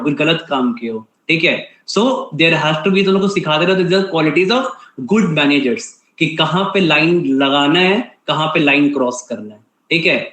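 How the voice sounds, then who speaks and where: A man's voice: on the high side, fairly bright tone. A man teaching an online class, giving a stern scolding lecture with an Indian English accent and repeatedly checking "ठीक है?". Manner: stern, repeats "ठीक है?" and switches often between Hindi and English. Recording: echoey room.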